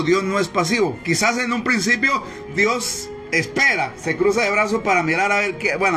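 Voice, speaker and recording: A man's voice: sits high, bright, forceful tone. A man preaching a sermon as pastor, emphatic and repetitive as he drives his points home. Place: church service, streamed live.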